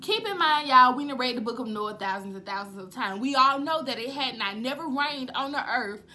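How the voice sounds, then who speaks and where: High, bright-voiced woman preaching. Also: animated, brisk, a little hiss or hum. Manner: rising, emphatic preaching with repeated refrains. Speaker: prophetic speaker. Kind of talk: preaching a prophetic word.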